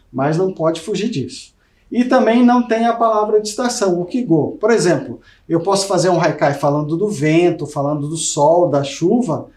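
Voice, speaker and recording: A man's voice: fairly high pitch, a little mellow, roomy sound. A Brazilian man teaching a recorded video lesson, explaining to students and often checking in with them. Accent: Brazilian Portuguese. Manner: explanatory, addresses students directly with frequent "né?".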